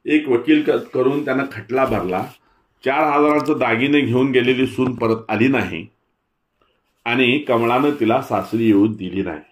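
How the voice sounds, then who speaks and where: A man reading a novel aloud in a measured, expressive storytelling manner. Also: mid-range voice. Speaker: audiobook reader.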